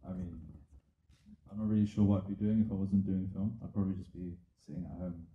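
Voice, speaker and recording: A man on a film panel answering earnestly in a halting way, full of fillers. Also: sits low, fairly even intonation, slight background noise. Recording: echoey, tinny sound.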